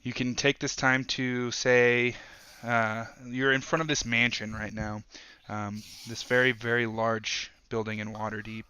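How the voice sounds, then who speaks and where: A man narrating as dungeon master for a tabletop game, halting with many ums and uhs. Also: mid-range voice, little pitch movement, sharp tone, clear, resonant tone, no room sound, rough recording.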